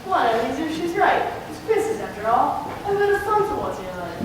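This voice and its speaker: A woman's voice: high-pitched, big pitch swings, quick pace. A woman playing an eager, friendly young male apprentice in a stage play. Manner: eager and encouraging. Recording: echoey hall, far from mic, loud noise.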